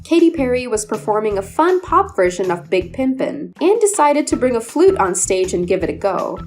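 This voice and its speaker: High, lively woman narrating over music. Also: normal speed. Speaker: compilation narrator. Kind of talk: scripted narration. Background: background music.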